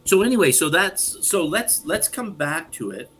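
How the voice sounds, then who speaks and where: A man explaining a Bible story in casual discussion, thoughtful and halting with frequent restarts. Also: fairly high pitch, sing-song, a bit bright, slight background noise, low-quality recording. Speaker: podcast co-host and Bible teacher.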